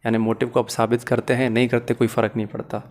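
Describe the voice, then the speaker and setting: A law teacher with a Pakistani accent lectures step by step, code-switching between Urdu-Hindi and English. His medium-pitched voice is quick, a little mellow, and shows little pitch movement.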